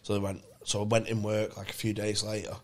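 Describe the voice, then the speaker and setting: A man, telling a casual, sweary comic anecdote in a rambling way, with a gravelly voice. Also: fairly low pitch, completely flat delivery, fast. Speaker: podcast guest telling a story. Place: small brick-walled podcast studio. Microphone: close studio microphone on a boom arm.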